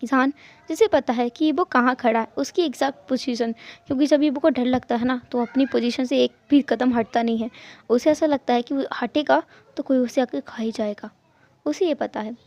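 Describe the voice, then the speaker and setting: A woman's voice: sits high, normal speed, a little mellow. A woman narrating a fan-fiction story in a casual, chatty way, with asides to her listeners. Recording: muffled lo-fi recording.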